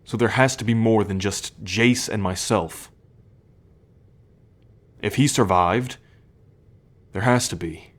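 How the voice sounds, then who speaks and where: The speaker is a young man on the low side of the pitch range, playing an ASMR werewolf who is troubled and protective. He talks earnestly in a halting, measured, confiding manner.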